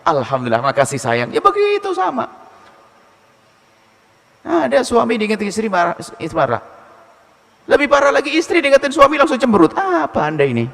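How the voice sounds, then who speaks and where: Man, preacher, sermon, teasing and animated, lively pitch, long hall echo. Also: a little fast, gravelly, pauses often. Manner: lively and teasing, acting out husband and wife in high voices. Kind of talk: sermon answering questions.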